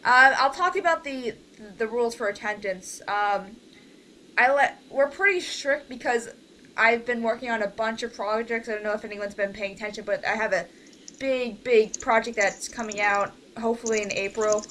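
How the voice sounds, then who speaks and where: A woman who is directing a voice cast leads a loose online group meeting, her talk tentative and wandering, often tapering off unfinished. Her voice sits a little high with a sharp tone at a moderate pace, captured in a noisy amateur voice-call recording.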